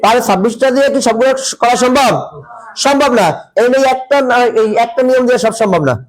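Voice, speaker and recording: High-voiced man teaching a chemistry lesson. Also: fast talker, low-quality recording. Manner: asks students questions and answers them himself, repeats key points; colloquial, dialect-tinged Bengali.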